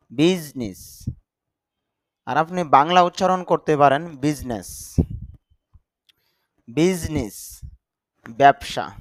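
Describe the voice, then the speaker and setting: Male English teacher, slow careful drilling, dry close recording. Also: medium pitch, no room sound. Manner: slow, deliberate word-by-word drilling with explanations. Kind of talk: vocabulary lesson.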